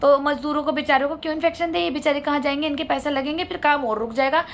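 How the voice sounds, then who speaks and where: A woman's voice: sits high, quick pace. A woman vlogger telling her own family story to viewers, indignant and asking them to judge. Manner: indignant, appeals to viewers for their judgment.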